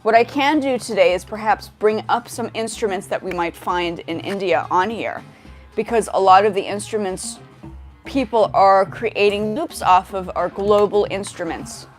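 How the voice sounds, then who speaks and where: A woman's voice: mid-range voice, moderate pace, soft background music. A woman from Indonesia hosting a casual livestream on a headset mic, chatting and greeting viewers by name. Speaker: livestream host.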